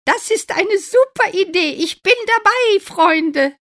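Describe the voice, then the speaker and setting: A woman voicing an old farm rooster in a storybook reading, crowing and excited. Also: very high voice, slow, pitched above the performer's own voice, full character voice. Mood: eager. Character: old farm rooster, loud, fearful then eager.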